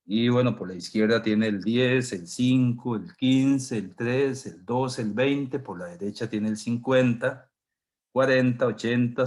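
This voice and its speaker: A man teaching an online class with a sore throat, clearing it often and explaining slowly step by step. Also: medium pitch. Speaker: university professor.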